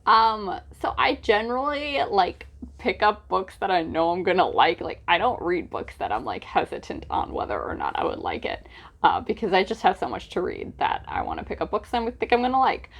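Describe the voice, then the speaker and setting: A gravelly yet fairly bright medium-pitched voice belongs to a very animated woman chatting at a moderate pace in her book vlog. Informal and gushing, she stumbles through filler asides full of "like."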